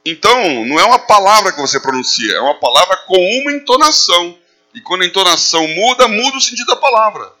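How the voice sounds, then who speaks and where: A man's voice: high-pitched, sing-song, quick pace, sharp tone. A man preaching a sermon, animating his points with acted quotes. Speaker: pastor.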